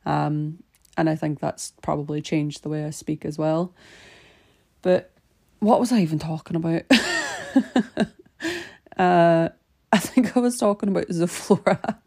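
A young Northern Irish woman with a faint Scottish lilt chats her way through a relaxed podcast. Her voice sits low and gravelly, with a mellow tone, and she rambles along with plenty of fillers. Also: a little slow, pauses often. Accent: Northern Irish with a slight Scottish twang. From Northern Ireland. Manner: chatty and rambling, with many fillers and laughs. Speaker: podcast host. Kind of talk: casual cleaning podcast chat.

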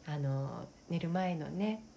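A woman co-hosting a casual wellness podcast, speaking gently and haltingly, often checking for agreement. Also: deep voice, vocal fry. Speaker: podcast co-host. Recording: noticeable background noise.

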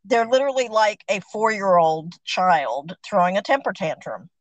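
A woman's voice: mid-range voice, animated, normal speed, rough recording. A woman hosting a conversational interview, sympathetic and sharing her own experiences. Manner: empathetic, relates own experience. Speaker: interview host.

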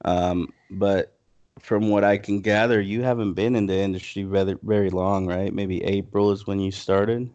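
Male podcast host, low and monotone, halting interviewer. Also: dull audio. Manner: halting, restarts questions. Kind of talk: casual interview chat.

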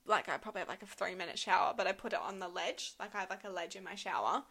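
A woman's voice: mid-range voice, fast, sharp tone. A young woman co-hosting a podcast, chatting casually and animatedly, with plenty of swearing. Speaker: podcast co-host. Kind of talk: casual chat.

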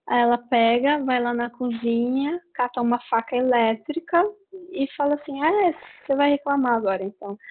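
A woman with a Brazilian Portuguese accent, casually retelling a book's plot in a rambling way with many fillers. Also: a little high. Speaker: book reviewer. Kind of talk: casual book review chat. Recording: tinny phone-like sound.

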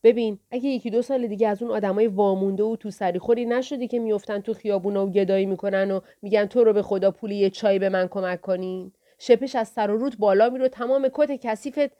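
A woman's voice: medium pitch, fairly even intonation, mellow, natural voice. A woman voicing a frightened but stubborn teenage boy with a shaky, tearful voice in a storybook reading. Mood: defiant.

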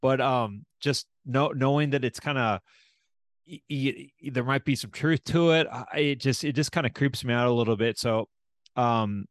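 A man's voice: mid-range voice, moderate pace, no room sound, clean studio sound. A man hosting a podcast in casual chat, often restarting and repeating words, with loose swearing. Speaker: podcast host.

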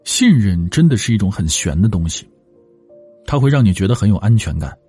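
Breathy, heartfelt male storyteller. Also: on the low side, very animated, fairly quick, warm tone, faint music behind. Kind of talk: emotional storytelling narration.

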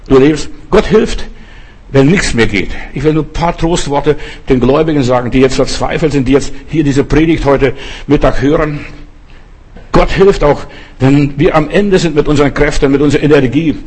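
Older husky-voiced male pastor preaching. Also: a little high. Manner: preaching with personal stories and direct address. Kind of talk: sermon.

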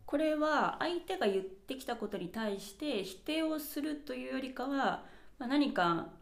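A woman's voice: high-pitched, lively intonation, a little slow. A woman hosting her own podcast, chatting casually and reflectively as she walks through examples one by one. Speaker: podcast host. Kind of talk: casual solo podcast talk. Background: birds chirping.

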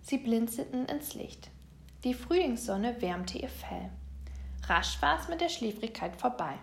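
A woman reads a children's story aloud as the storyteller. Her voice sits fairly high, and her gentle reading stays even. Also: measured pace, vocal fry.

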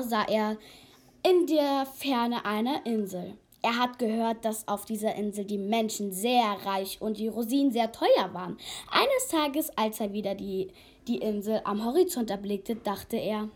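A woman reading a fable aloud carefully, with small slips. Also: fairly high pitch. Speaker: reader.

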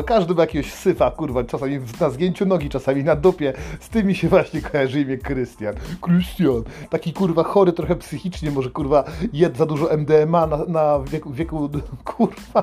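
A man delivers a crude comedic rant as host, cursing nearly every line and bursting into mocking shouts. His voice sits a little on the high side. Faint music plays softly behind him. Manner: crude, swears constantly, yells names mockingly.

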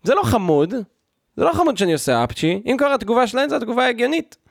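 A man's voice: very high-pitched, big pitch swings, vocal fry, no echo, studio quality. A man hosting a podcast, delivering a sarcastic, mock-outraged comedic rant in a loose, talky way with fillers and restarts. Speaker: podcast host.

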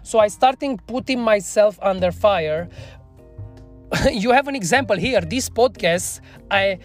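A bar trainer appears as a podcast guest, a woman whose native language is Romanian, speaking English with a Romanian accent. Her medium-pitched, expressive voice moves at a measured pace with faint music behind it. She tells a candid story about herself in an earnest, self-reflective way, with non-native phrasing.

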